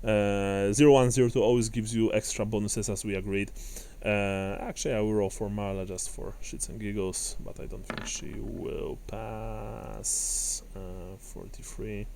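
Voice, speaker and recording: A man's voice: on the low side, steady tone, measured pace, gravelly, darkish tone, a little hiss or hum. Man running a tabletop game. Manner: rambling, many fillers and restarts, chuckling. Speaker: game master.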